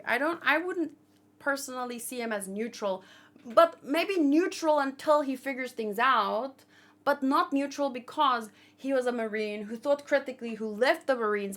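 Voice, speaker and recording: This woman's voice sits high with a fairly bright tone. Hosting a manga read-along channel, she talks in a relaxed, rambling way, thinking aloud and repeatedly second-guessing herself.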